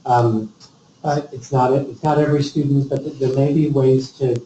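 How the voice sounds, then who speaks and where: A man's voice: mid-range voice, steady tone, moderate pace, mellow, a little hiss or hum. A man in a committee meeting discussion, leading the agenda and thinking aloud with frequent restarts. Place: meeting room. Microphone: distant room mic. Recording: dull, echoey meeting room from far off.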